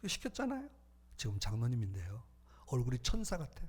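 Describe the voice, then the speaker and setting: A man preaching a sermon as pastor, animated, shifting between loud calls and hushed asides. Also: mid-range voice, brisk, slightly rough.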